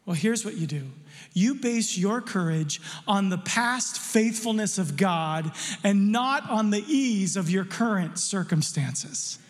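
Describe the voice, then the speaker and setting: High-voiced preaching man, echoing hall. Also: animated, slow pace. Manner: emphatic preaching with rhetorical questions. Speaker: pastor. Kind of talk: sermon.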